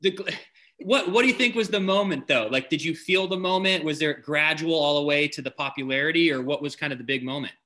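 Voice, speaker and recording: Bright-voiced male podcast co-host. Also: a little high, fairly quick, slight background noise. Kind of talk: casual chat.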